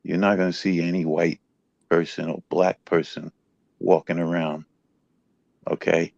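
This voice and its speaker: A man's voice: low-pitched, little pitch movement, measured pace, vocal fry, a little mellow, no room sound, highs cut off. A man in an online group call, asking pointed questions and pressing for yes or no answers.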